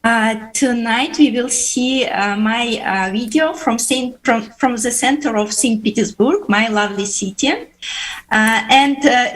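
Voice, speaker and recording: A hesitant woman from Uzbekistan with a Russian accent, a ham radio operator, is interviewed on a live show. Her voice is a little high, her non-native English halting and full of filler pauses, and the recording is rough.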